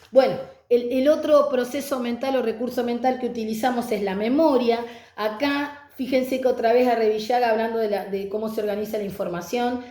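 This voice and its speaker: A middle-aged woman lectures in a conversational, lively way. Her voice sits a little high but sounds mellow. The recording has a noticeable room echo. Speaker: teacher. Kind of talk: online lecture on reading pedagogy.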